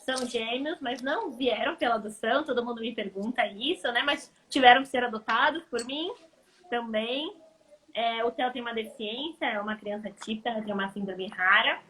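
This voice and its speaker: A woman's voice: fairly high pitch, moderate pace, sharp tone, roomy sound, low-quality recording. A Brazilian woman in her thirties, a psychologist hosting a casual live stream, welcoming viewers in a chatty way. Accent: Brazilian Portuguese. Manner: chatty, welcoming, thinks aloud. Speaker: host, psychologist. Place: home, on an Instagram live stream.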